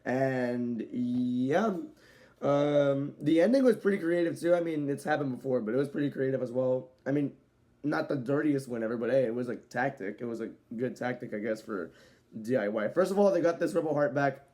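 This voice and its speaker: A man giving a casual, rambling video review, filling pauses with "so, yeah" and now and then speeding up. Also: mid-range voice, mellow. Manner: rambling, loose delivery with frequent "so, yeah" fillers; at times speeds up. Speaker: wrestling show reviewer.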